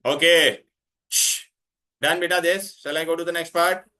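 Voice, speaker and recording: A chemistry teacher, an Indian man, addresses his class in a fairly high, bright, forceful voice with a steady tone at normal speed. He insists on repeating points, asks his students questions, and weaves Hindi words and phrases into his English.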